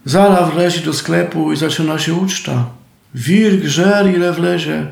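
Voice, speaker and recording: Male Silesian folk-tale narrator, unhurried, gravelly tone, recorded in an echoey room. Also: a little high, a little mellow. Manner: homely storytelling in dialect. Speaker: storyteller.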